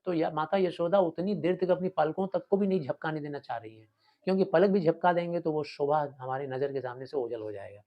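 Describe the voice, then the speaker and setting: Male teacher, fairly high voice, explains poetry line by line, slow recitation, dull lo-fi sound. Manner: explains line by line, checks with "ठीक है ना"; recites verses slowly.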